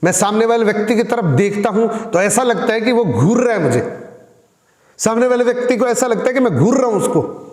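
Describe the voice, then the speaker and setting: A man's voice: high voice, expressive, fairly quick, darkish tone. A man giving a spoken communication-skills lesson, addressing listeners as friends and showing how tone changes the meaning of the same words. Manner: demonstrates tone by repeating the same lines in different ways. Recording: roomy echo with long reverb.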